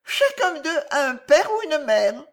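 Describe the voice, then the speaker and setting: A small, lonely orphan boy asks one pleading question after another in a high, singsong voice, as a woman puts him on. He is read slowly for an audiobook, with his voice rising and dipping a great deal. He sounds wondering and bereft. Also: big pitch swings, full character voice. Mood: plaintive questioning. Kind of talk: audiobook reading.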